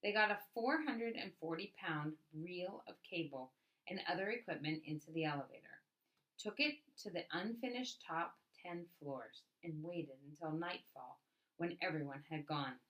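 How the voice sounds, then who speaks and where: As a storyteller, a woman reads a picture book aloud with expressive narration, putting dramatic emphasis on key words. She has a deep voice and reads at normal speed, and the sound is lo-fi.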